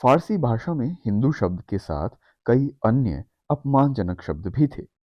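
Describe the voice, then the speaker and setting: A man narrating a scripted history explainer in a measured, steady read-aloud manner. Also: medium pitch, no room sound. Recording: dry, slightly dull studio voice-over.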